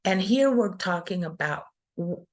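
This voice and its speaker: Patient woman teacher, lowish voice, unhurried explanations. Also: animated. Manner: patient, explains step by step with fillers. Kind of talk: online class lecture.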